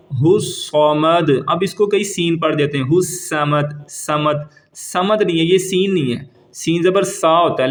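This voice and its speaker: A man teaches a step-by-step tajweed lesson in a voice a little higher than most men's. He explains each rule plainly, then recites the words slowly and stretches them out, repeating them so a learner can follow.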